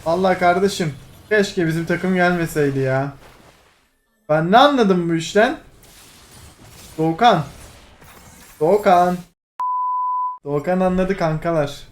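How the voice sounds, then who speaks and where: High-voiced excitable young man gaming. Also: a little slow, pauses often, slight background noise. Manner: excitable, teasing, shouts at teammates and laughs. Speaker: gaming streamer. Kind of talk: live gameplay commentary.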